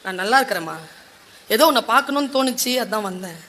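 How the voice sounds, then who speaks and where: A woman voicing the young warrior prince Arjuna in a low, hushed, respectful tone. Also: expressive, quick pace. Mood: gentle.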